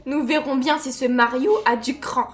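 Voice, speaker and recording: A woman's voice: high-pitched, steady tone, moderate pace, lightly acted. A woman putting on the voice of a cruel, boastful cartoon villain. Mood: menacing.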